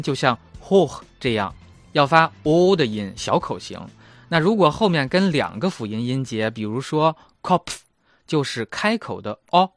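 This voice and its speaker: Lively, playful Chinese-speaking language teacher man. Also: mid-range voice, no room sound, clean studio sound. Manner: chatty, self-mocking, playful. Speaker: German language teacher and host. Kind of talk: casual language lesson.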